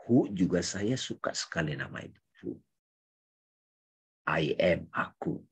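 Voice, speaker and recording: Husky-voiced man musing on faith. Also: low-pitched, lively intonation, measured pace. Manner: swings from hushed musing to loud chanted takbir. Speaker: speaker in religious study session. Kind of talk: reflective spiritual talk.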